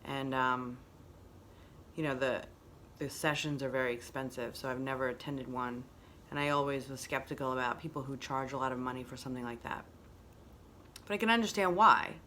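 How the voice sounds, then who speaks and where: A woman's voice: very deep voice, fairly quick, pushed and bright, a little hiss or hum. A woman hosting a casual motivational monologue, reflective and repeating phrases for emphasis. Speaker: host.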